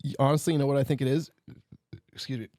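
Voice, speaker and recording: A man's voice: medium pitch, steady tone, very fast, a little mellow, dry recording, studio quality. An American man co-hosting a sports podcast, chatting casually and bluntly with loose, opinionated talk and swearing. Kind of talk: casual, profane sports banter.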